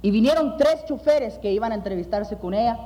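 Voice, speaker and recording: A man preaching as pastor, emphatic, repeating phrases for weight and dropping low at the ends of phrases. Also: lively intonation, fairly quick, mellow. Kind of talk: sermon with illustrative stories. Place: church sanctuary. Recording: long hall reverb.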